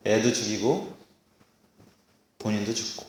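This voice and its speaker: A man preaching a sermon to a congregation, animated, acting out scolding parents in a raised voice. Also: lowish voice, measured pace, a little hiss or hum. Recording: echoey hall.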